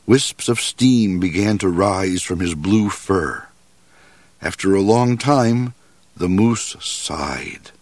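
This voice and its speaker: Husky man reading a storybook. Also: lowish voice, no echo. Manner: expressive, measured reading. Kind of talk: reading a children's storybook aloud.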